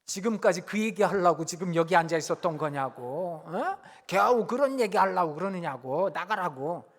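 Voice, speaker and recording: Man playing a furious teenage kid, high and loud, rude and exasperated, hall reverb. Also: lively intonation, moderate pace. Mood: scornful. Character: angry sulky teenage kid shouting at a parent. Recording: long church reverb.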